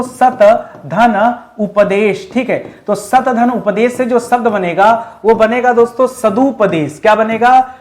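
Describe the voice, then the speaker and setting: A male teacher giving an exam-prep lesson, asking the class questions and answering them himself in a firm, correcting way. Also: high-pitched. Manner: addresses students as friends, firm corrective tone. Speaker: Hindi teacher.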